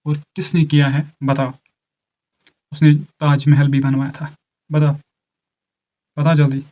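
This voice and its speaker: A man teaching an exam-prep lesson, speaking slowly and repeating key answers so students can take notes, and quizzing them as he goes. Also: fairly high pitch, little pitch movement, warm tone, low-quality recording. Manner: slow and deliberate, repeats key answers for note-taking. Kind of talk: exam-prep lecture mixing Hindi and English.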